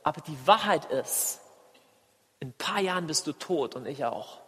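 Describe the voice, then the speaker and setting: A man with a high voice preaches a sermon, animated and full of direct questions to his listeners. His voice rings out with a long reverb, as if he is recorded in a large hall. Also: moderate pace, husky.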